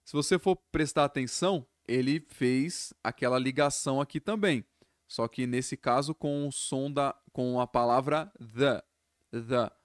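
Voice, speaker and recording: Male English teacher from Brazil, slow and patient, mid pitch, dry close mic. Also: clear, resonant tone, no echo. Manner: slow, explains sounds step by step, repeats words. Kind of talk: pronunciation lesson.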